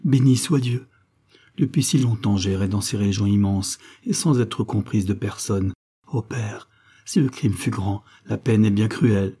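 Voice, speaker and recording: A man's voice: fairly low pitch, a little slow, dark tone, slightly rough. A man voicing a proud, worn-out royal woman in exile, declaiming in a lofty, solemn way. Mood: bitter joy.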